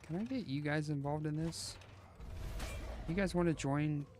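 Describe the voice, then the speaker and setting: A man's voice: a little high, normal speed, a little mellow, a little hiss or hum. A man chatting casually while live-streaming a game, rambling and joking as he thinks aloud, often restarting his sentences.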